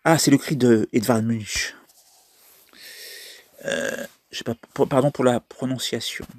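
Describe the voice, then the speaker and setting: A man's voice: mid-range voice, fairly even intonation, measured pace, no room sound. A man giving casual commentary on a mobile trivia game, thinking aloud as he plays. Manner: chatty, thinks aloud while playing. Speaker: mobile game video maker.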